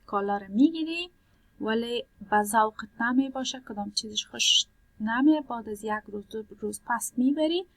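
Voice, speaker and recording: A woman's voice: on the high side, no room sound, poor audio. A woman teaching a language lesson, patiently explaining a worksheet, repeating points and translating words one by one.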